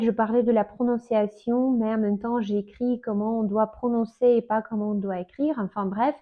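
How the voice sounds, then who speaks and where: A woman teaching a casual video lesson, speaking hesitantly with many fillers and restarts. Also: fairly high pitch. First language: Russian. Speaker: Russian teacher. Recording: tinny phone-like sound.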